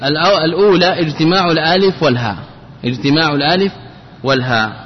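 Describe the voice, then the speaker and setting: A man's voice: fairly high pitch, brisk, a little hiss or hum. A man with a slightly raised voice teaches a grammar lesson. He poses rhetorical questions and restates key phrases again and again. The sound is dull and lo-fi, with a long hall echo. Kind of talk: classroom lecture on Arabic grammar.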